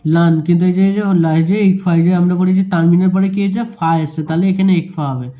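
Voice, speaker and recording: A man teaching a Quran reading lesson, spelling out syllables slowly and explaining rules patiently. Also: high-pitched, steady tone, dark tone. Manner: slow syllable-by-syllable spelling and recitation. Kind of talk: Noorani qaida lesson.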